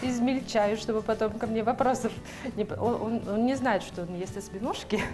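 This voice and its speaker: A young woman from Yakutia, Russia, appears as a guest on a TV cooking show, her voice a little high and her pace moderate. She chats casually and somewhat hesitantly while cooking, using many fillers, in a studio kitchen with music in the background.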